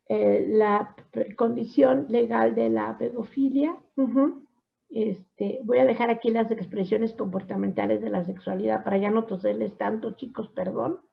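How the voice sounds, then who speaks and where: A woman psychology teacher giving a class lecture, often affirming with a soft "ujú" and asking her students questions. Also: a little high, creaky. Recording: dull lo-fi recording.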